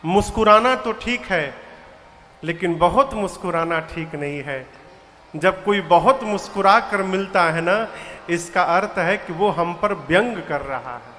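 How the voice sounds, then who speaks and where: A man's voice: high-pitched, a little slow, bright, forceful tone, big-room sound. A man telling a devotional story as a sermon, with light humor and short sung verses. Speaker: kathavachak preacher. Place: large pavilion tent.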